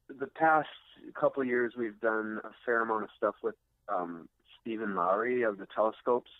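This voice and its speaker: On a tinny phone-quality line with a dry sound, an American rock musician chats casually in an interview. His voice sits on the low side, and his manner is tentative and low-key.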